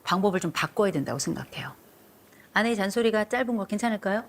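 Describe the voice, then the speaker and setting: Speaking fast in an animated, mid-range voice, a middle-aged woman counsels a couple on television. As a marriage counselor in a blunt session, she lectures sternly and keeps firmly restating what they must do.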